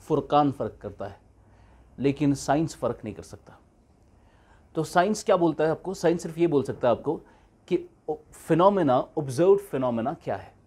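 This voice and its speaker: A man teaching an online economics class. He switches between slow, deliberate English and quicker Hindi, and keeps checking that the class understands. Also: on the high side, darkish tone.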